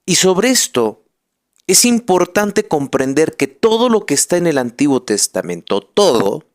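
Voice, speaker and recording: Slow, smooth-voiced friar teaching catechism. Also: male voice, on the high side. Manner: emphatic, repeats phrases, leans on key words. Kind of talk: catechism video lecture.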